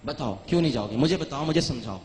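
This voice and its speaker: A man's voice: mid-range voice, animated, fast talker, a crowd in the background. A man hosting a live TV show, coaxing and insistently questioning the people with him. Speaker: TV show host. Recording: hall reverb, faint noise.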